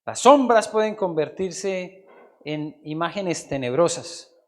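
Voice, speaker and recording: A Colombian pastor delivers a sermon in a church, his voice sitting high for a man. He preaches with drama, dropping to soft asides and then rising to loud, emphatic declarations. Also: expressive, takes it slowly.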